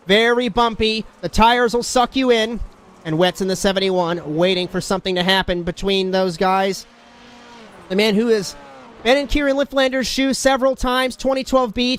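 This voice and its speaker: A man calling a race as play-by-play commentator, excitable and shouting at the big moments. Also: high voice, slight background noise.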